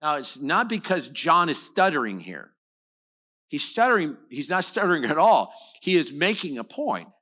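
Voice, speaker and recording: A man preaches in a church with a bright, forceful voice pitched a little above the usual. He talks earnestly, doubling back on words and restarting phrases as he presses his point. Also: big pitch swings, moderate pace. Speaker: pastor. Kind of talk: sermon. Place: church sanctuary.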